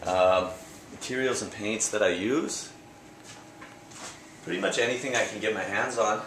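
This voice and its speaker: Low-voiced young man in an echoey gallery. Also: a little slow, background noise. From Canada. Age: young adult. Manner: relaxed, rambling, with fillers and restarts. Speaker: painter interviewed at his exhibit. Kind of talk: casual interview answers. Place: art gallery indoors. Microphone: handheld camera close by.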